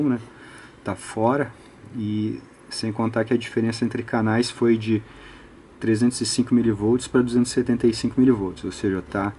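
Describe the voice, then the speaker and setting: This Brazilian man works through an electronics tutorial without a script, reasoning out loud step by step and frequently adding brief tag questions. His voice is lowish and mellow, with slight background noise in the recording.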